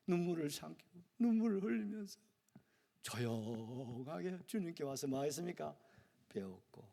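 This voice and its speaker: A male pastor with a Gyeongsang accent preaching a sermon, jumping from loud questions to hushed whispers. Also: mid-range voice, creaky, big-room sound. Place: church sanctuary.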